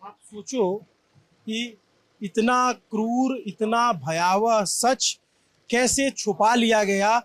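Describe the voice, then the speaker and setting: A man's voice: sits high, extremely slow, a bit bright, dry recording. A man from Prayagraj, India, giving an impassioned, emphatic on-site news report from a damaged shop. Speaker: field reporter. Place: at a damaged shop after a crowd crush.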